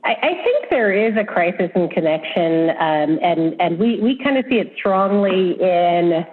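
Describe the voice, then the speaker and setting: A woman's voice: lowish voice, animated, measured pace. A woman game designer talking in a hesitant way with many restarts, heard over a video call. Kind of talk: casual interview talk. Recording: tinny phone-like video call audio.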